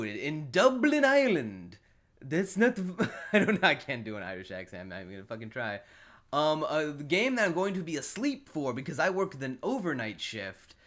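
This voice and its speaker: A man's voice: mid-range voice, a bit bright. A man casually giving football predictions and betting picks, rambling with lots of fillers, swearing and chuckles. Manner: rambling, profane, frequent fillers and laughs. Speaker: sports betting predictions host. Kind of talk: casual solo commentary.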